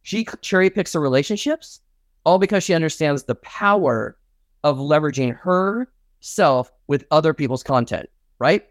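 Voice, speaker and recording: A man's voice: lively intonation, moderate pace, no echo. A middle-aged man, a networking expert guest, talking with punchy enthusiasm in an interview. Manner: enthusiastic, punchy, acts out his own pitches. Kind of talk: energetic interview talk.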